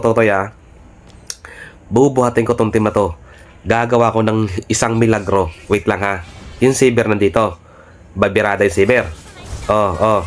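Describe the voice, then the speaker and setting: A young man streaming a mobile game, bossing his teammates, swearing and trash-talking opponents in brash, repetitive calls. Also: on the low side. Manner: repetitive calls, tag word after most phrases; cocky, mocking laughs. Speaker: gaming streamer. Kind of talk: live mobile game commentary.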